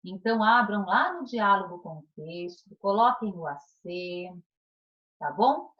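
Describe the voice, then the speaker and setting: A woman's voice: medium pitch, lively intonation, muffled recording. A woman teacher with a Brazilian Portuguese accent, giving a recorded remote class to primary pupils in an encouraging way, drawing out syllables and checking in often. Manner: encouraging, drawn-out syllables, frequent "tá?" check-ins.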